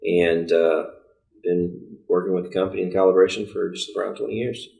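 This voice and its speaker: A man speaking as a podcast guest, talking in a halting way with many fillers. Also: low-pitched, fairly even intonation, vocal fry, warm tone. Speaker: service director. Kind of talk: casual podcast conversation.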